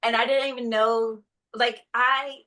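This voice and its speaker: Bright, chatty woman guest. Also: a little high, level tone, measured pace, rough recording. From North Carolina, USA. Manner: chatty, acts out quotes in a bright put-on voice. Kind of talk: casual conversation.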